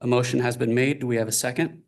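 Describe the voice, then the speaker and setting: Man chairing a meeting, halting. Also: medium pitch, fairly even intonation. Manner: halting, many fillers. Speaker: commission chair.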